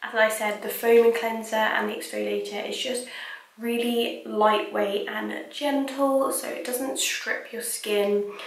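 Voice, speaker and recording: Chatty young woman, gravelly fry. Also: a little high, steady tone, a little slow, distant mic. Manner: chatty, loose, full of "like" and "kind of". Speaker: beauty vlogger. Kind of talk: casual skincare review chat. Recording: echoey room, mic set back.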